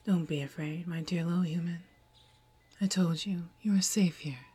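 A woman's voice: fairly low pitch, fairly even intonation, moderate pace, warm tone, breathy edge, no echo. A woman playing a possessive, seductive female alien in an audio roleplay, teasing and commanding in a whispery voice. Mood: seductive, doting.

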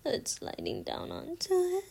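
Woman, ASMR roleplay, breathy close-mic whisper, high voice, unhurried delivery. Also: huge pitch swings. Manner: soft breathy whisper, intimate and pleading. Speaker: ASMR performer.

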